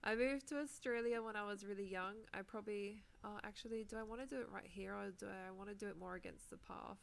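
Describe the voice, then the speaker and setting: Speaking fast with a creaky, medium-pitched voice, this Minecraft streamer from New Zealand is a young woman still recovering from a sore throat. She rambles casually through her live game session, full of fillers and frequent laughter.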